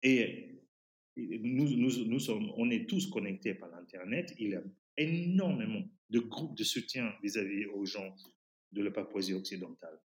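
A man speaking French with a foreign, English-influenced accent, giving an impassioned interview in an emphatic but halting way, searching for words. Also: lowish voice. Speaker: podcast guest, activist. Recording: roomy, echoing sound.

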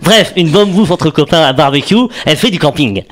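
A man's voice: fairly high pitch, animated, brisk, loud music behind the voice. A man giving a playful radio segment, joking and laughing often as he explains. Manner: jokey, laughs often, explains with mock accents. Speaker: radio columnist.

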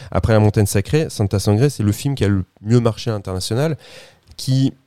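A man's voice: fairly low pitch, brisk, mellow, no room sound, studio quality. A man chatting casually about cinema as a podcast host, rambling with frequent restarts and fillers. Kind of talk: casual film discussion.

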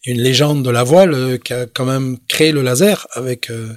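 Middle-aged French sailor guest, halting and rambling, dry studio mic. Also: male voice, medium pitch, no room sound. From France. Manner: rambling, many fillers and restarts. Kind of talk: casual interview storytelling.

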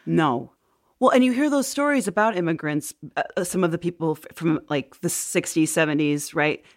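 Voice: medium pitch, normal speed. A podcast host in easy conversation, affirming the guest often and posing reflective questions. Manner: supportive, frequent affirming murmurs, reflective questions. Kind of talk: conversational interviewing.

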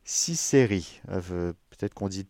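A man, a priest, hosting a radio call-in show, praying aloud for callers in a measured, gentle way and chuckling warmly with them. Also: medium pitch, animated, no room sound, clean studio sound. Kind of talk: radio call-in with spoken prayers.

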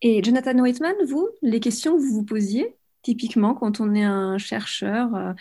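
Mellow-voiced woman hosting an interview. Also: on the high side, normal speed. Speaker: interview host. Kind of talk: moderating a discussion, posing questions.

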